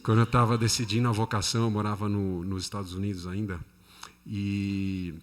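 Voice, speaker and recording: A priest gives a conversational teaching talk, often checking in with the group. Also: male voice, lowish voice, level tone, fairly quick. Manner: conversational, often asks listeners "né?". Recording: long hall reverb.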